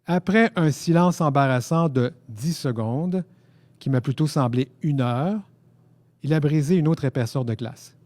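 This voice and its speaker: A man from Quebec with a Québécois French accent, reading his own first-person story aloud at a book fair in a lively, self-mocking, theatrical way. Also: on the high side, unhurried, no echo. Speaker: author reading his novel.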